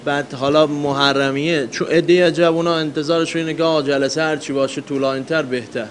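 A man's voice: fairly high pitch, steady tone, a little hiss or hum. Hesitant man asking questions. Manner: hesitant, breaks off mid-phrase. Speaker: interviewer asking the lecturer questions. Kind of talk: conversational questions.

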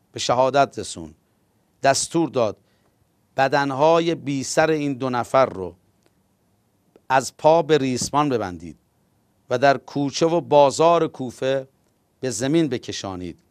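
A male preacher tells a religious story in a solemn sermon and slowly draws out his key words. His voice is smooth and resonant, mid-pitched, and recorded close and dry with no room sound. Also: no room sound.

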